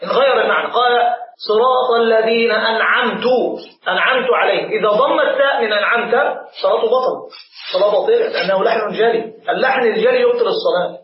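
High-voiced quick sheikh teaching in an echoey room. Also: male voice, muffled recording, a little hiss or hum. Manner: animated teacher, demonstrates pronunciation slowly, answers questions. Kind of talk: religious lesson to a live class.

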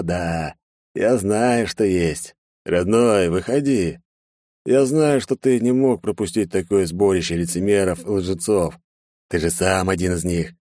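A sneering, theatrical villain, put on by a male narrator taunts a crowd of hostages. The voice sits higher than the narrator's deep natural tone and swings between loud mockery and drawled asides. The recording is close and dry. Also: dry recording. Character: gloating masked male terrorist leader.

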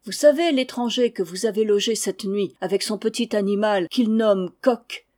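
A woman reading aloud and voicing an excited rustic farmhand, speaking in a raised, eager voice. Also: medium pitch, normal speed, lightly acted. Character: excited farmhand, grown man, rustic and talkative.

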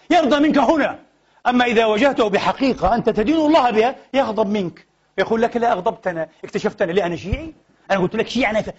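A man's voice: sits high, husky. A man preaching a Friday sermon in a mosque, impassioned and slipping from formal into colloquial phrases. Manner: impassioned, rising to exclamations; mixes formal Arabic with colloquial Levantine phrases. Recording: dull lo-fi MP3 sermon recording.

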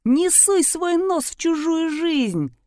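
A woman voicing an enraged man who yells threats at his wife in an audiobook. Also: extremely high pitch, lively intonation, takes it slowly, dry recording, clean studio sound, voice pushed up, heavily acted. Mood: furious. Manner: yelling, abusive. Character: furious bullying husband, man, shouting threats.

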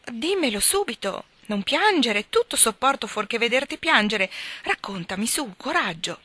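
A woman's voice: a little high, big pitch swings, moderate pace, pushed and bright, no echo, voice pushed up, heavily acted. A woman voicing a kind, mild young husband who coaxes and grows exasperated, read in a storybook. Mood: flustered coaxing. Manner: coaxing, then exasperated.

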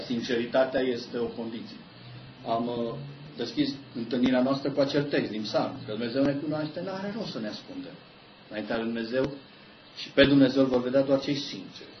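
A man preaching a sermon, telling stories about himself with animated, self-mocking humor. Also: medium pitch, a little hiss or hum. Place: church meeting room. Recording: echoey church hall, dull lo-fi sound.

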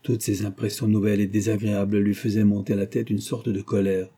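A man reading a novel aloud as an audiobook narrator, in steady, even scripted narration. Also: fairly low pitch, fast, slightly rough.

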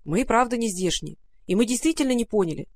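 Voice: medium pitch, animated, quick pace. A storyteller voicing a bold, curious young girl who speaks plainly and directly. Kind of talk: storybook reading.

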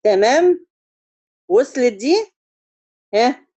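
A woman with an Egyptian Arabic accent leads a tajweed lesson in a warm, mellow voice. She explains each rule step by step and often checks that her students follow. She sings out long, stretched syllables to show how the verse should sound, and the recording is close and dry. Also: on the high side, lively intonation, no room sound, muffled recording. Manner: chants drawn-out syllables to demonstrate recitation. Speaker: Quran recitation teacher.

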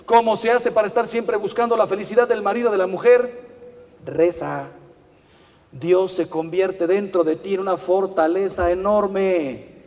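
High-voiced Mexican priest in a reverberant hall. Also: male voice, measured pace. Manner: lively storyteller with rhetorical questions. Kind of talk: humorous pastoral talk.

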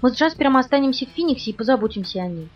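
A woman reading the lines of a brisk, reassuring young woman in an audiobook. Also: high voice, expressive, voice pushed up. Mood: brisk reassurance. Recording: dull, distant recording with faint music.

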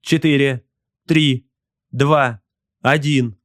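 A man doing a servile war slave on a starship bridge, his voice pitched up high and tight as he reports in clipped, formal bursts. The read is close and dry. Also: steady tone, very slow, a bit bright, dry recording. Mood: urgent. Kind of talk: audiobook character voice.

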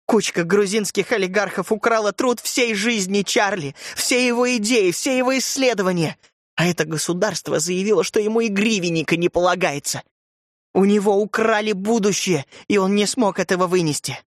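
A man voicing a cold, vengeful middle-aged widow in an audiobook, calm and then shrill and hissing. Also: moderate pace, dry recording, studio quality, lightly acted. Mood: bitter. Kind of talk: audiobook character voice.

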